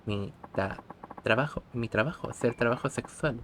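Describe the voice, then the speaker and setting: A man voicing a hurt young foreign woman who pleads in broken, halting speech. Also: medium pitch, a bit bright, slight background noise, natural voice. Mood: pleading. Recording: game music behind the voice.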